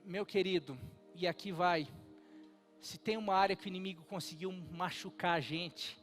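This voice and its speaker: A man's voice: sits high, normal speed, a bit bright, soft background music. A middle-aged Brazilian man, a pastor, preaching an earnest and emphatic sermon at a church service. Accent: Brazilian Portuguese.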